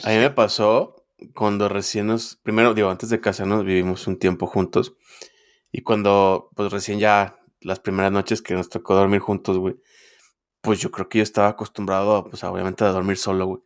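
A man's voice: on the low side, flat delivery, moderate pace. A man with a Mexican accent, co-hosting a podcast, joking and laughing in slangy banter. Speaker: podcast co-host. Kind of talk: casual chat.

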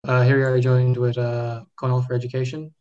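A man interviews casually and with few words. His voice is dark and soft-edged, with almost no pitch movement. The recording is somewhat dull and lo-fi. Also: completely flat delivery, brisk, soft background music.

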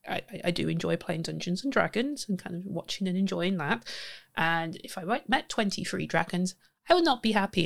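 A woman's voice: mid-range voice, gravelly. A woman in her twenties hosting a casual podcast, chatty and rambling, with giggles and self-corrections. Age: 20s. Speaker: podcast host. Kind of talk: casual chat.

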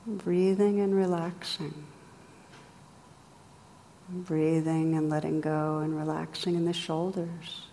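Slow, low-voiced woman guiding meditation. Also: flat delivery, in a large hall, a little hiss or hum. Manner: slow, soft and gentle with long pauses. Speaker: meditation teacher. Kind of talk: guided meditation.

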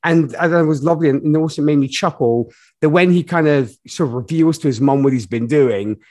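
Animated man chatting about a movie. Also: fairly high pitch, brisk. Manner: animated, rambling, frequent fillers and laughs. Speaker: podcast co-host. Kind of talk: casual movie review chat.

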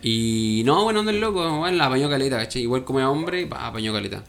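A young man with a Chilean Spanish accent, co-hosting a casual podcast and telling animated, slangy stories, often laughing. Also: mid-range voice, fast talker, gravelly, faint music behind. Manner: animated storytelling, slangy, laughing often, acts out his own past lines. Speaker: podcast co-host. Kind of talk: casual chat.

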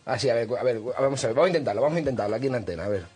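Man, radio travel host, husky, mid-pitched, rambling, hesitant. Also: lively intonation, very fast, a little mellow. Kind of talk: casual studio chat. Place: radio studio.

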